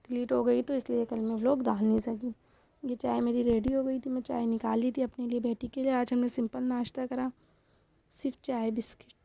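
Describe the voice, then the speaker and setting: A young woman's voice, a touch high and pitched fairly flat, with a gravelly creak running through it. She talks in a chatty home-vlog way, turning often to speak straight to her viewers, with a mellow, unhurried tone. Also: no room sound. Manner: chatty, addresses viewers directly. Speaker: housewife vlogger. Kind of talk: casual home vlog chat.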